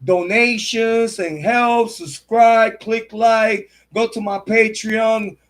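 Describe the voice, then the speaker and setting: A man with a high, steady, slightly bright voice speaks slowly while hosting a true crime livestream. His commentary is a heated, profane, repetitive rant, and he breaks off to thank viewers by name.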